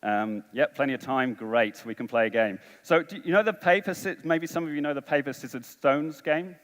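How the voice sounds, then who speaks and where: A man's voice: mid-range voice, moderate pace, fairly bright tone. A man giving a conference talk, coaxing and rallying a large audience through a game. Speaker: conference speaker. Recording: long hall reverb.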